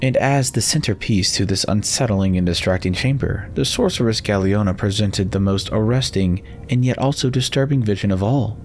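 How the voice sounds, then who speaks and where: A man's voice: on the low side, moderate pace, few pauses, darkish tone, faint music behind. A man giving a dramatic scripted narration of a fantasy novel as its narrator.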